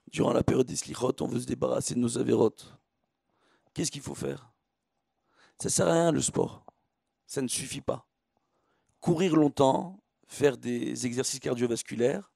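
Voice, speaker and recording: Rabbi with a very creaky voice. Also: male voice, medium pitch, warm tone, no echo, clean studio sound. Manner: didactic, emphatic repetition and rhetorical questions. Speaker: rabbi giving a religious lecture. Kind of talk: religious sermon with everyday analogies.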